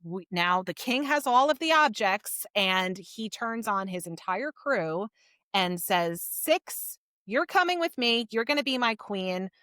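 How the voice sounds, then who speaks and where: This podcast co-host is also a woman, animated and a bit bright, with a medium pitch and a measured pace. She goes over a story informally as part of a relaxed book chat. It's studio quality with no echo.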